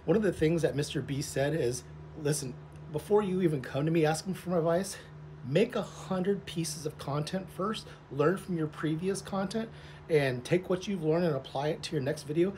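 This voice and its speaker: Outdoors in a pool, a vlogger in his forties rambles casually to camera at a moderate pace. His voice sits on the high side with a darkish tone. He is a social media content creator, and the clip carries clearly noisy outdoor ambience.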